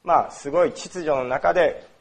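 Preaching on worship, an Osaka pastor speaks with a fairly high, creaky voice at a moderate pace. He keeps it conversational, using lots of fillers and putting questions to his congregation.

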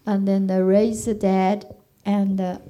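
Slow, mellow female church interpreter. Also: medium pitch, flat delivery. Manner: halting, with restarts and fillers. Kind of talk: consecutive sermon interpreting into English.

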